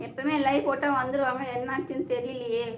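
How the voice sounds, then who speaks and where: Chatty and teasing, a woman hosts a casual live stream, greeting viewers by name and reading their comments. She talks fast in a high-pitched voice with fairly even intonation. The room is echoey, with faint ambient noise.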